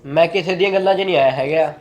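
A young man playing a mild younger brother in a family short film, soft-spoken and trying to calm things down. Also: on the high side, quick pace, muffled recording, faint music behind, lightly acted. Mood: placating.

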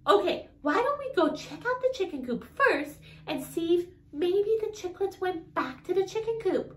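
A woman with an extremely high voice presents to small children. Her melody swings widely and she takes her time, leaving gaps for them to reply. She is encouraging and exaggerated, like a preschool teacher, in an echoey room. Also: sing-song. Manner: exaggerated, encouraging teacher talk with questions and pauses for answers. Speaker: children's educational show host. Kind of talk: toddler lesson addressed to children.

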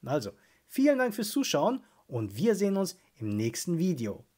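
Lively, husky-voiced man presenting tech. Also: high-pitched, normal speed. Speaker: tech video host. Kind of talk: scripted tech narration.

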